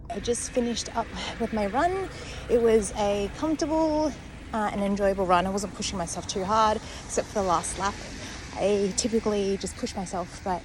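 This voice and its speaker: A woman's voice: medium pitch, slight background noise, low-quality recording. A woman, chatting casually to camera as a running vlogger, upbeat and self-encouraging. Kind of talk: casual vlog chat to camera. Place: outdoors and in a car after a run.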